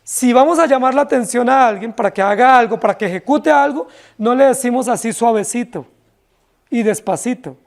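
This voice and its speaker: Emphatic Colombian pastor preaching. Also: male voice, very high-pitched, fairly quick. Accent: Colombian Spanish. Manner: emphatic, checks in with congregation by rhetorical questions. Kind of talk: expository sermon.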